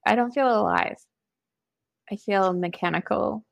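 A woman's voice: medium pitch, measured pace, vocal fry, no echo. A woman with a Minnesotan accent, a podcast guest talking in a reflective, hesitant, self-deprecating way. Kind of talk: candid conversational interview.

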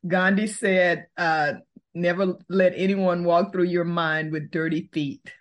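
A woman, answering interview questions in a thoughtful, unhurried way and laughing easily. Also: lowish voice, steady tone, dull audio. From Texas, US. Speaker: podcast host, guest.

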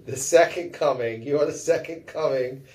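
A man's voice: medium pitch, normal speed, a little mellow. A man hosting a casual podcast, rambling and joking at his own expense. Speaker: podcast host. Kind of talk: casual chat. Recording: distant from the mic.

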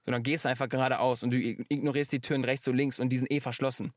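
Podcast guest, male, thoughtful and searching, even middle pitch, dry close mic. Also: rapid-fire, no echo. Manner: reflective, searching for words. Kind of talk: casual podcast chat.

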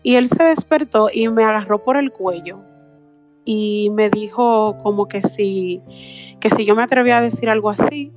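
A woman in her thirties giving a personal account in an interview, speaking earnestly with halting restarts. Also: medium pitch, soft background music. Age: 30s. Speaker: interview guest. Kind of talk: personal testimony.

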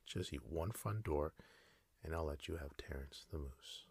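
A stubborn, teasing storybook witch, as a man whispers her. A whispered role-play in a very low, husky voice, held close on a dry mic. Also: unhurried, no echo, exaggerated voice. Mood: dismissive. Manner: dismissive, bargaining.

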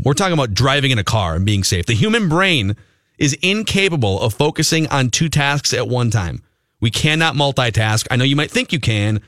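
A man's voice: on the low side, a bit bright, no echo, studio quality. A man with an American accent talking as a sports talk radio host, conversational and ad-libbing between banter and live reads.

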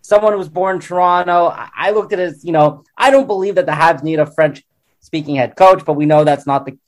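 A man's voice: a little high, a little fast. A man giving conversational sports analysis as a panel guest. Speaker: panel guest, hockey commentator.

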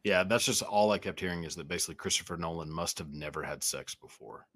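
A man's voice: sits low, fast talker, fairly bright tone. A man with a standard American accent in casual, comedic podcast chat, often repeating short phrases as he goes. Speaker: podcast host.

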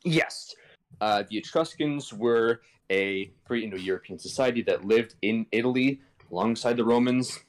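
A man's voice: mid-range voice, measured pace, poor audio. A man guest on a chat podcast, explaining language history in a casual, irreverent, slangy way over a video call.

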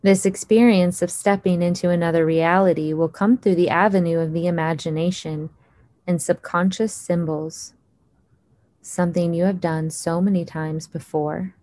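A woman leading a guided hypnosis meditation in a slow, soothing voice with long pauses. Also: lowish voice, fairly even intonation, mellow, no room sound.

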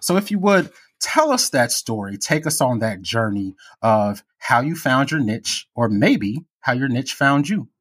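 Husky-voiced enthusiastic podcast host man. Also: mid-range voice, expressive, a little slow, few pauses, a bit bright. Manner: upbeat, enthusiastic. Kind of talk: scripted show intro and interview.

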